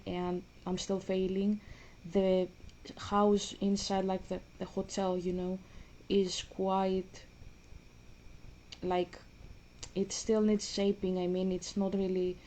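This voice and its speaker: A Greek woman vlogger with a medium-pitched, dark voice chats casually while playing a game, with slight background noise. Her gaming commentary rambles, and she often restarts sentences in her Greek accent.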